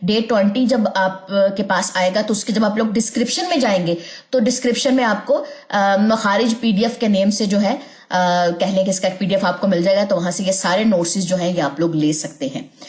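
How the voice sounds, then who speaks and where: A woman with a Pakistani Urdu accent teaching an online tajweed lesson, explaining patiently and modelling letter sounds slowly. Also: medium pitch, a little mellow, echoey room. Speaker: Quran recitation teacher.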